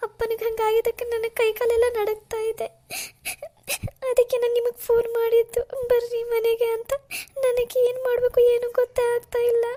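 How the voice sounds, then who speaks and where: A frightened young cartoon daughter, crying and pleading. Her voice is extremely high. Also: monotone, moderate pace, dark tone. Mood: distraught.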